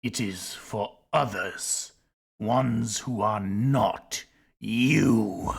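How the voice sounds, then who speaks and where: Game guardian: menacing snake voice performed by a man, whispery and gravelly, very unhurried, solemn. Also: lowish voice, heavily acted. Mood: cold, forbidding. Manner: hissing snake voice, drawn-out words.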